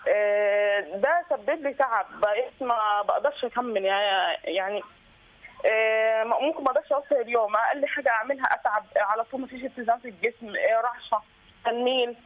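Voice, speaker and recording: A woman's voice: a little high, fast talker, dull audio. A weary, distressed woman in her thirties with an Egyptian accent, calling in to describe her troubles, hesitant and full of fillers and restarts. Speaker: caller. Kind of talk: call-in confession.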